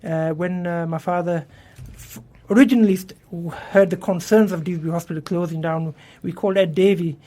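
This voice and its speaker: A man's voice: high voice, steady tone, fairly quick, mellow. A man, an election candidate answering radio interview questions earnestly, often restarting and repeating words in a studio. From England.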